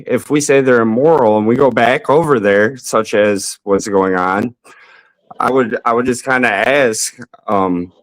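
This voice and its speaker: A man's voice: mid-range voice, poor audio. A man in a casual online debate who hedges and restarts as he reasons aloud. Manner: hesitant, hedging.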